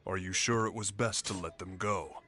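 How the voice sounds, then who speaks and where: A man voicing a calm, formal male cyborg in a video game, speaking in a precise, even way. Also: sits low, normal speed.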